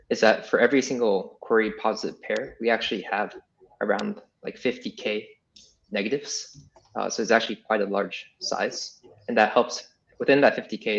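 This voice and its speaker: A man's voice: lowish voice, vocal fry. A man giving unscripted, hedging explanations as an engineer in a technical question session. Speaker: engineer answering audience questions. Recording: slightly dull, lo-fi online call.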